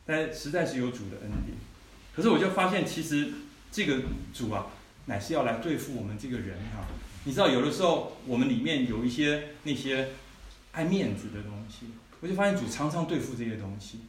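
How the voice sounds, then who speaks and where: A man's voice: medium pitch, lively intonation, a little fast. A man tells a personal story from the pulpit, slipping into friendly asides to his listeners as he goes. His voice carries from some distance off the mic, ringing around an echoey hall with a faint hiss behind it. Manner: conversational storytelling, frequent "you know" asides. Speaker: preacher sharing testimony. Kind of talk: sermon testimony.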